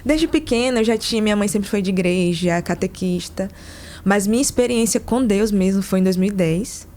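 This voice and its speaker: A woman from the interior of Amazonas, Brazil, with a Brazilian accent, appears as a podcast guest and casually shares her personal testimony as a member of a consecrated religious community. Her mid-range voice has a dark tone and a normal speed.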